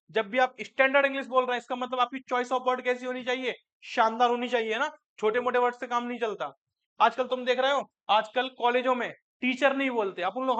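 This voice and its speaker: Male teacher, very high pitch, bright forceful tone, classroom lecture, quizzing students then answering himself. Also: clean tone. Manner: asks students questions and answers them himself; mixes English terms into Hindi.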